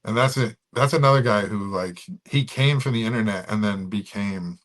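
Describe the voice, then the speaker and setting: A man's voice: fairly low pitch, normal speed, fairly bright tone. A man talking casually in a podcast conversation, rambling with many restarts. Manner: rambling, many fillers and restarts, drops into comic voices. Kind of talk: casual chat.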